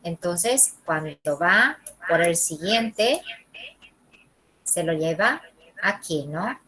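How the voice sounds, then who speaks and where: In poor audio, a woman with a lowish, expressive, pushed and bright, slightly rough voice speaks extremely slowly while teaching Korean in Spanish. During the classroom lesson she models and repeats every pronunciation, constantly checking with "¿sí?" and "¿ok?".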